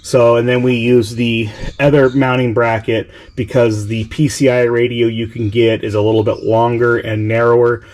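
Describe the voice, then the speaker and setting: Walking through radio equipment on a side-by-side in his workshop, this man records himself on a handheld GoPro. His medium-pitched, slightly mellow voice stays fairly level at a normal speed with few pauses, and the audio quality is poor. The tone is relaxed and eager, if somewhat hesitant.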